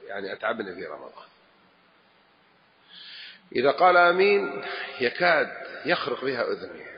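A man's voice: on the low side, gravelly. A man, a religious scholar giving a lesson and answering questions, speaking emphatically and acting out the phrases he quotes. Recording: echoey hall, dull lo-fi, faint hiss.

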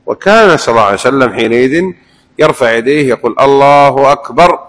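Male preacher, mid-pitched, lively religious lesson. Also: rapid-fire, low-quality recording. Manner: animated, demonstrates recitations aloud.

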